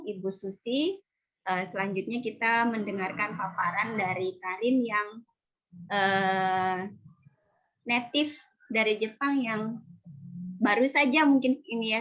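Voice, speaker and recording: A woman speaks slowly at a middling pitch. She moderates an online talk like a teacher, picking her phrases with small hesitations. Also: a bit bright, rough recording. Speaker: co-host, teacher.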